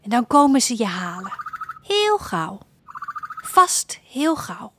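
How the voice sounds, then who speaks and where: A woman voicing a small, eager boy in a children's audio story, talking gently and hopefully. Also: a little high, very animated, takes it slowly, background noise. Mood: earnest. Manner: gentle, hopeful, whispers softly at times.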